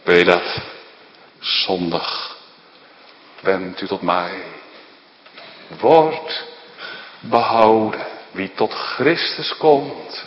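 A pastor preaching a sermon with passion, rising to loud declarations and dropping to hushed questions. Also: male voice, sits low, extremely slow, pauses often, dull audio, slight background noise. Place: church hall. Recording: echoey church hall, long reverb.

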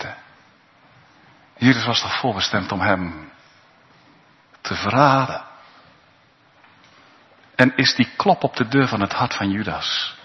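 A male pastor preaching a sermon in a church, slow and earnest, swelling into pleading appeals. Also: fairly low pitch. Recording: long reverb, dull sound in a church.

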